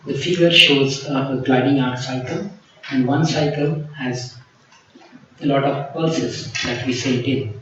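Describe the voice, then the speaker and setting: A man's voice: mid-range voice, a little slow, fairly bright tone. Echoey, distant man hedging through a thesis defense. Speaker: PhD candidate defending a thesis. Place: large echoey room. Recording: echoey hall, distant mic, dull, faint noise.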